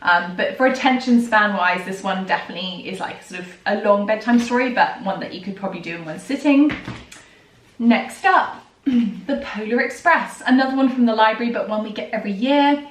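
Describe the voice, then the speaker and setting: Speaking fairly quickly in a mid-range voice, a thirty-something book vlogger and reviewer discusses children's books with excitement, dotting her chat with ums and gentle laughs. She's hoarse, recovering from a recent illness that cost her her voice. The mic sits far off in a roomy space with faint noise.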